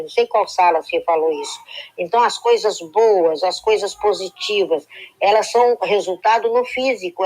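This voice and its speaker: A woman's voice: lowish voice, poor audio. A woman giving a reflective spiritual talk on a live stream, speaking in long flowing sentences and often adding "né" to check in with her listeners. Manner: flowing, reflective, full of "né" tags.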